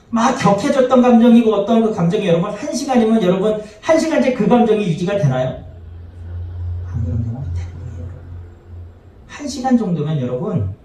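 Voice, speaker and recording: A male pastor delivers a sermon in a high, mellow voice, often turning to the congregation with rhetorical questions and playing out the quoted lines. He stands well back from the microphone. His voice rings through a very reverberant church hall. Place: church sanctuary. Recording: very echoey hall, voice from far off.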